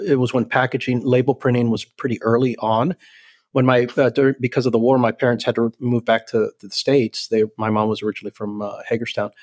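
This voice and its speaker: An older man from El Salvador, a company president talking as a guest in a relaxed, rambling way with many ums and restarts. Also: mid-range voice. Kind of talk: casual interview chat.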